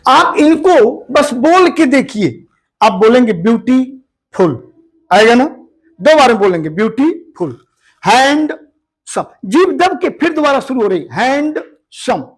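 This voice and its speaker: A man's voice: very high voice, sing-song. A man teaching a grammar lesson, explaining step by step and addressing his students as children. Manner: slow, repeats words aloud for practice.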